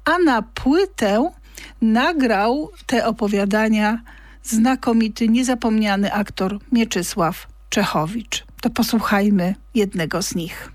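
A woman's voice: on the high side, slow, no room sound. Chatty woman presenting on air. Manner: chatty, with small hesitations. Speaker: radio host presenting recordings.

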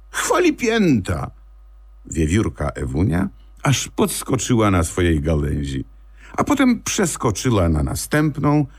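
Male storyteller for kids' audiobook, deep husky voice, slow and animated. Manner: expressive, storytelling lilt. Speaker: audiobook narrator, actor. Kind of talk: scripted storybook narration.

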